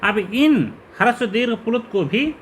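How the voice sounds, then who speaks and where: A male teacher gives a slow, step-by-step lecture on grammar, going through terms one after another. His voice sits high and moves a lot, rising on each question. A faint hiss runs behind him. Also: animated. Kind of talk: classroom lecture explaining grammar.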